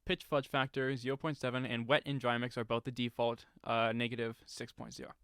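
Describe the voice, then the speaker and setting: A man's voice: medium pitch, little pitch movement, a little fast, a bit bright, clear, resonant tone, dry recording, studio quality. A man giving a casual step-by-step tutorial on voice effects, explaining settings plainly with fillers and restarts.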